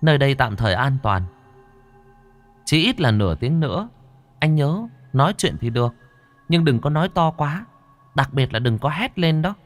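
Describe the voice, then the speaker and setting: A man voicing a calm, watchful spirit that gives quiet warnings in a spoken horror story. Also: a little high, normal speed, long pauses, dry recording, faint music behind, pitched above the performer's own voice. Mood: hushed warning. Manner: hushed and cautioning.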